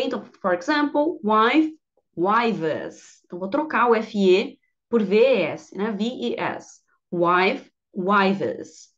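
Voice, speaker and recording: A woman, teaching English grammar in an online lesson, patient and repeating each word for her students. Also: medium pitch. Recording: dull lo-fi audio.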